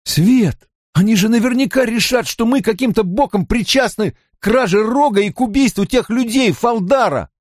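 A man's voice: sits high, very animated, moderate pace, darkish tone, dry recording, clean studio sound, pitched above the performer's own voice. A man voicing a panicky young man who curses and exclaims frantically in an audiobook reading.

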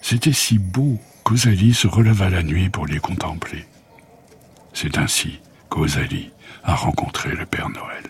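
A man with a deep, low voice reads a children's bedtime story. His delivery is calm and gentle. A faint hiss sits behind the voice. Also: unhurried.

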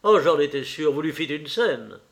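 A man's voice: fairly high pitch, expressive, moderate pace, gravelly, fairly bright tone. A man reading an audiobook voices a witty, worldly English aristocrat with a languid, ironic drawl. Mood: teasing.

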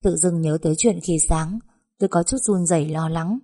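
A woman narrates a story in the first person, with a low-pitched, mellow voice. She recounts it in a tense, breathless way. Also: normal speed.

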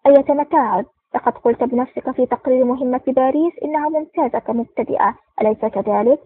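A woman's voice: on the high side, fairly even intonation, fast, a little hiss or hum, natural voice. A woman voicing an impatient, commanding male intelligence chief in an audiobook. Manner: brusque and commanding. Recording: tinny phone-like sound.

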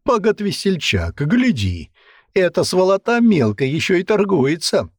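A man's voice: mid-range voice, very animated, moderate pace, dry recording, clean studio sound, voice pushed up. A man voicing a burly, coarse male commander who barks his orders. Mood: gruff. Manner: barking, boisterous.

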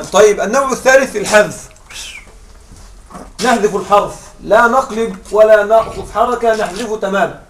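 A man with a high voice teaches a grammar lesson, patiently walking through each point and asking if the class is following. He sounds set back from the microphone, with a faint hiss under the voice. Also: distant mic. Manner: patient, checks understanding with repeated questions.

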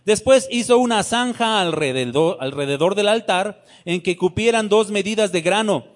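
A man's voice: high voice, normal speed. A preacher reading scripture aloud and retelling it dramatically to his congregation in a sermon.

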